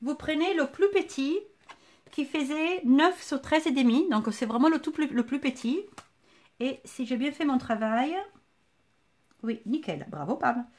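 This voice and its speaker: A woman's voice: high-pitched, expressive, unhurried, a little mellow. A woman with a southern French accent hosting a live craft tutorial, chatting and greeting viewers by name as she works. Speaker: scrapbooking tutorial host.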